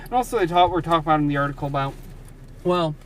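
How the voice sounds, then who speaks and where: Male, slightly high voice, grumbling casual livestream chat with swearing, recorded off-mic. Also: racing. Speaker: livestream co-host. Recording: distant mic with background noise.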